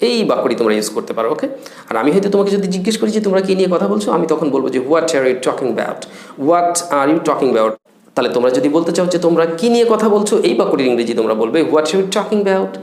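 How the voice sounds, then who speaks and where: A man with a slightly high voice gives a spoken English lesson in Bengali, drawing out each English phrase and repeating it carefully. His voice rings in an echoey room. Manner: repeats English phrases slowly and carefully, lively teacherly talk. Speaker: English teacher.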